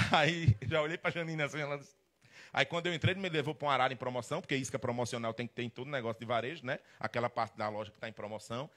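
A man's voice: medium pitch, rapid-fire, fairly bright tone. A man giving a humorous storytelling lecture as a marketing consultant, acting out both sides of the dialogues. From Rio Grande do Norte, Brazil. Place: restaurant event hall.

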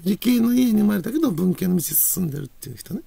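A woman's voice: medium pitch, animated, quick pace, vocal fry, dark tone, slightly rough, no echo. A woman with a Kansai accent telling a rambling personal story, laughing often between phrases. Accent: Kansai Japanese. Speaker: channel host.

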